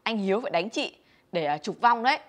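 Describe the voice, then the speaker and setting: Quick-talking woman in a sketch. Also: medium pitch, lively intonation, fairly bright tone. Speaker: comedy sketch actress. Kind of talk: comic sketch acting.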